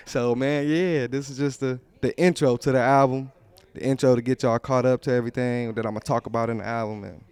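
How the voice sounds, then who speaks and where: A man's voice: medium pitch, fairly even intonation, normal speed, clear, resonant tone, no room sound. A man from Pontiac, Michigan, a rapper guest telling his life story in a loose, slangy, rambling way. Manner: laid-back, rambling, slangy, laughs often. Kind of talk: casual storytelling interview. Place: clothing store.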